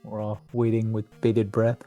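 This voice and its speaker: A man's voice: fairly low pitch, completely flat delivery, normal speed, warm tone, soft background music. A man commentating on a live race stream, laid-back and joking. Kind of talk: casual race commentary chat.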